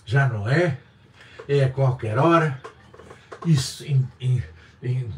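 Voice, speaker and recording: A man's voice: medium pitch, takes it slowly, darkish tone, a little hiss or hum. An older man from Portugal with a European Portuguese accent, talking in a rambling, digressive monologue full of emphatic repetitions. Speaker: vlogger. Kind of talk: casual opinion monologue. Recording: roomy, distant mic, faint ambience.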